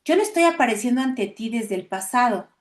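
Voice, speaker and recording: A woman reading the lines of a serene male spiritual teacher, explaining gently and patiently. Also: fairly high pitch, expressive, brisk, lightly acted.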